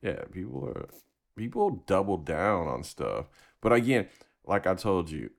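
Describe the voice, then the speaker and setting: A man's voice: sits low, big pitch swings, a little slow, gravelly. A man co-hosting a casual podcast, making dry, sceptical remarks. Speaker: podcast co-host. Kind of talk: casual chat.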